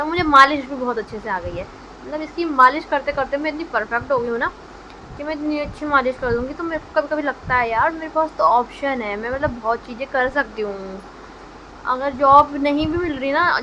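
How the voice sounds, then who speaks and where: Bright high-pitched young Indian woman vlogger. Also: lo-fi sound, slight background noise. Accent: Hindi. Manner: joking, chatty, addresses friends. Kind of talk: casual vlog chat.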